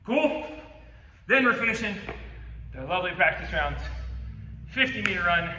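A man's voice: lively intonation, normal speed, echoey room, in a large hall, recorded from a distance, noisy background. Breathless upbeat man coaching a workout. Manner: upbeat, cues moves with "boom". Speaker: fitness coach. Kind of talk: workout instruction demo. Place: gym.

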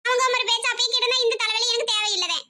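A woman playing a shrill, fed-up village wife. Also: very fast, bright, forceful tone, exaggerated voice. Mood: complaining. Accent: southern Tamil Nadu village dialect. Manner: scolding, exasperated. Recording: noisy background hiss.

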